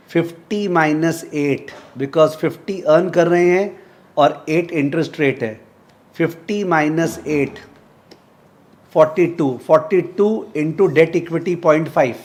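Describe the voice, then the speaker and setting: Man teaching a live class, somewhat high voice, drills numbers in rhythm, teases students. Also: darkish tone. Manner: drills sums aloud in a repeated rhythm; teasing, calls on students by name. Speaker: finance teacher.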